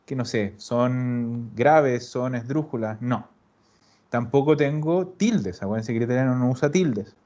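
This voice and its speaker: A man's voice: mid-range voice, a little mellow, muffled recording. A man teaching an online language class, explaining patiently and often checking that students follow. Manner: patient, repeats and checks understanding with "¿ya?". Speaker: Italian teacher.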